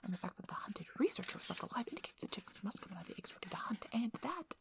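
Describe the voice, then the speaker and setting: Speaking very fast with big pitch swings on the high side, a woman plays an anxious, sorry, hurt young field researcher for ASMR audio. She is breathy, halting and stammering, with a hushed, studious mood.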